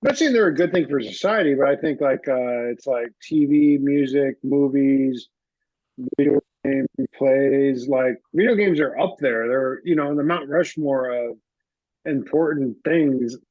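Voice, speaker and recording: A man's voice: medium pitch, measured pace, no echo, highs cut off. A man co-hosting a podcast, arguing casually, incredulous, swearing and laughing often. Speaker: podcast co-host. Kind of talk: casual argumentative chat.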